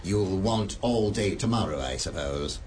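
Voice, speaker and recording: A man's voice: low voice, expressive, a little slow, a little mellow, a little hiss or hum. An actor playing a miserly, sour old man who speaks in a clipped, scornful, grumbling way in a radio play. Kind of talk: community radio play acting.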